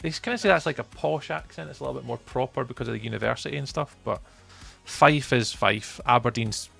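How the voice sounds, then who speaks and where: Gaming on a live stream, this man from the Edinburgh area of Scotland teases and chats casually with viewers, laughing a lot. He speaks briskly in a mid-range voice with vocal fry, a fairly bright tone and a breathy edge, soft music playing behind.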